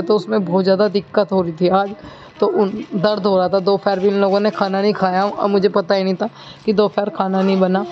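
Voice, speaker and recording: A woman's voice: medium pitch, dull audio. A young woman chatting casually while cooking in her home kitchen, rambling with many asides. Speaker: village vlogger.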